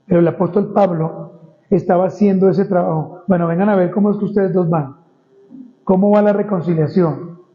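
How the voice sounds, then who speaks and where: A man preaching an expository Bible sermon as pastor, reading scripture slowly and emphatically and often addressing the congregation as brothers. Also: sits high, fairly even intonation, dull audio.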